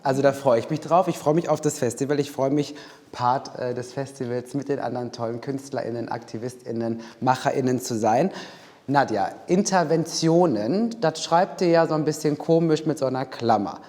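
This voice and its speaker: A man's voice: mid-range voice, normal speed, darkish tone. Chatty male host in a reverberant room. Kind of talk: live event moderation. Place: project room in Berlin.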